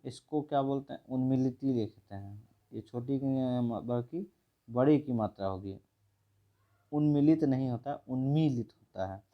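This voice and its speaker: Male teacher, mid-pitched, brisk revision-class delivery, repeats each word and checks with the viewer. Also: muffled recording. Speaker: Hindi teacher. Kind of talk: exam revision lesson.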